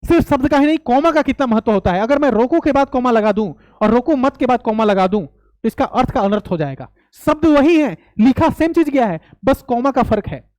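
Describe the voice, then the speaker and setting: Young male coaching teacher lecturing, high voice, dry close sound, emphatic and repetitive with rhetorical questions. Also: lively intonation, fairly quick, a little mellow, no echo. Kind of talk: classroom-style lecture.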